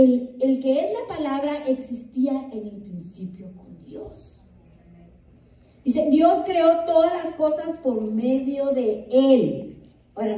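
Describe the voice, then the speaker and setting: A woman pastor delivers a sermon from some distance, her voice ringing in an echoey room. She sounds high and very mellow. She reads scripture aloud again and again and asks the listeners questions.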